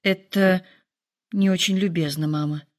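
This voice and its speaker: A woman voicing a sensible young daughter who speaks politely and gently pleads. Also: fairly low pitch, steady tone, measured pace, lightly acted.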